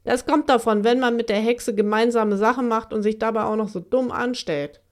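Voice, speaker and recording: A woman's voice: medium pitch, moderate pace, a little mellow, close to an everyday voice. A woman voicing a big, stern female forest creature who grumbles and gives orders in a children's audiobook. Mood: firm. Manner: gruff, commanding.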